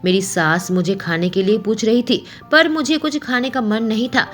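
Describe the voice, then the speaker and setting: A woman narrating a romance story in first person, emotional and expressive. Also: on the high side, normal speed, faint music behind.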